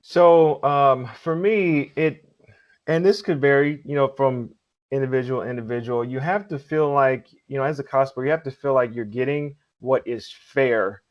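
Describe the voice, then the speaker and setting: In a mid-range voice at normal speed, a cosplay contest host and judge chats easily during an interview. He acts out quoted exchanges and offers earnest advice, repeating himself to drive points home.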